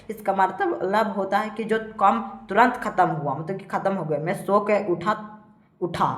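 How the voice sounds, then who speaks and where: A woman teacher with a Bihari Hindi accent, giving a classroom lesson and reading word lists aloud slowly. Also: lowish voice, echoey room. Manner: reads word lists aloud slowly, adds frequent "theek hai".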